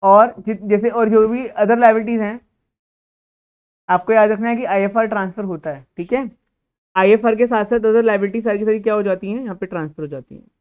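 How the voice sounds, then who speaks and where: A man teaches an accounting class in a lecture style, putting questions to the room and answering them himself. His voice is smooth and clear. The recording sounds thin and tinny, like a phone line. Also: sits high, moderate pace. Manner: explains by asking and answering his own questions; scolds a student.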